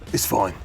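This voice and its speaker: A man's voice: fairly high pitch, gravelly, voice pushed up, heavily acted. A man playing a cheeky undercover agent and racer with a put-on South London accent in a tabletop game. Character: cocky chain-smoking male undercover agent racer. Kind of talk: tabletop game role-play.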